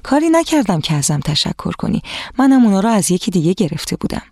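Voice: medium pitch, very animated, a little mellow, no echo. A narrator voicing a kind old retired teacher. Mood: gentle. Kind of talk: children's storybook reading.

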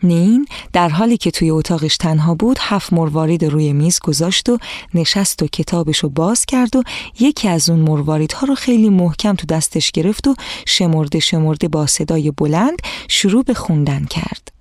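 Calm storyteller reading to children. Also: mid-range voice, no room sound, clean studio sound. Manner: calm, measured, speaking to children.

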